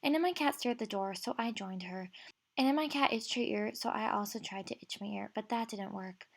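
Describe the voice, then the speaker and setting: A woman's voice: mid-range voice, a little fast, creaky. Playful young woman narrating a comedic vlog. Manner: playful, mock-serious storytelling. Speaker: vlogger. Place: home.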